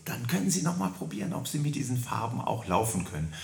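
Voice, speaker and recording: A man leading a singing warm-up lesson, coaching listeners and demonstrating syllables and vowels in a high falsetto. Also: sing-song, fast, gravelly, echoey room, faint music behind. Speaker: singing teacher.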